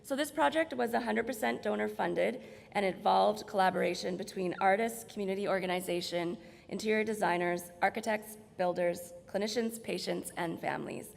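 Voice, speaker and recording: A hospital staff member gives an informal slide presentation at a conference in a large, reverberant indoor room. Her mid-range voice, at normal speed, has heavy vocal fry and is slightly hoarse as she's losing it, while her manner stays explanatory and conversational.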